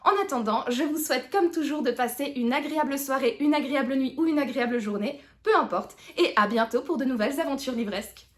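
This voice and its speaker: A woman's voice: high-pitched, fast, hardly any pauses. A woman in her thirties chatting casually about books on her vlog, with frequent hesitations and self-deprecating laughs. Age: 30s. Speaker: book vlogger. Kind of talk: casual book review chat.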